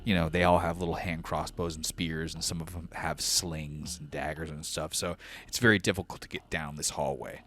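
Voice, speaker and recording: A man's voice: a bass voice, steady tone, moderate pace, hardly any pauses, a bit bright. A man narrating a tabletop game as game master in a casual, descriptive style.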